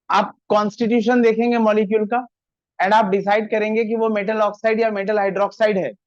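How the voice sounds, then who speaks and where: A high-pitched man teaching chemistry in a classroom, spelling out formulas step by step and breaking off to tell students to stop talking. The sound is dry and dull, like a basic lo-fi recording. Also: no echo. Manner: dictates formulas slowly, scolds students for chatting. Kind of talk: classroom lecture.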